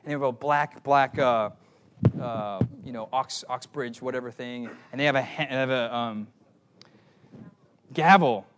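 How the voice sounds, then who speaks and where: A young man preaching a sermon, animated and often asking his listeners questions. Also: medium pitch, a little slow, slight background noise. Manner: animated, asks the audience questions.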